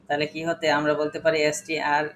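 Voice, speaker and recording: A man's voice: fairly high pitch, completely flat delivery, normal speed, fairly bright tone, slight background noise, poor audio. A man teaching an English class, patiently spelling words letter by letter and quizzing his students. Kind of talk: classroom lesson.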